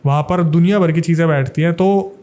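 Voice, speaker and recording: A man's voice: on the high side, brisk, warm tone. A young man from Delhi, a paranormal investigator, telling a suspenseful ghost story in a casual podcast interview.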